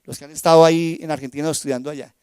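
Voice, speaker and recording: A man preaching a sermon in church, swinging between loud emphasis and soft asides and asking the congregation questions. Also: fairly high pitch, fairly even intonation, racing, clean tone, dry recording. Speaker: pastor. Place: church sanctuary.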